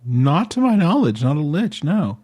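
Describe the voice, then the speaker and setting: A man's voice: a little high, very animated, normal speed, a little mellow, dry recording. A man playing his character in a tabletop game, flippant and joking. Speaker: player.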